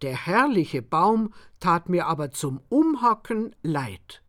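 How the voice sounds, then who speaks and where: Slow, lively-toned woman reading a story. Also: fairly low pitch. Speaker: narrator. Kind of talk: scripted narration.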